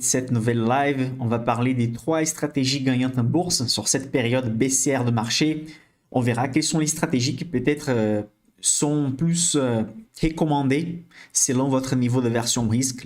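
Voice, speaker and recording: A man's voice: mid-range voice, fairly even intonation, normal speed, darkish tone. A man speaking French with a Brazilian accent leads a live-streamed investing lesson. His delivery is chatty and conversational, and he keeps checking in with viewers as he goes. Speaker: financial educator hosting a live stream.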